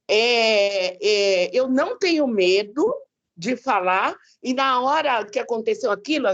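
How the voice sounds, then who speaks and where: A woman's voice: high voice, highs cut off. A woman from Brazil sharing a personal testimony in a Bible class, talking conversationally and often ending with tag questions. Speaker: class participant.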